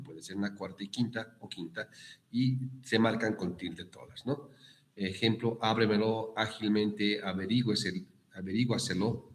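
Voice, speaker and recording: In a university prep lesson on written accents, a male guest lecturer with a Bolivian Spanish accent explains slowly. His voice is on the low side, and he often uses fillers and corrects himself.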